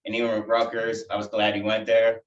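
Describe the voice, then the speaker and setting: A man, a youth football coach, giving a halting tribute at a council meeting with many fillers. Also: on the low side, completely flat delivery. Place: council chamber. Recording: dull, echoey room from far off.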